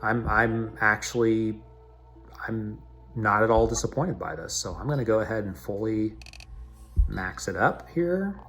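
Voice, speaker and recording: Man, gameplay commentator, chatty and low-pitched, recorded with heavy echo in a large cavernous room. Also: unhurried, fairly bright tone, soft background music. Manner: chatty, talks himself through menus. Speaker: mobile game video host.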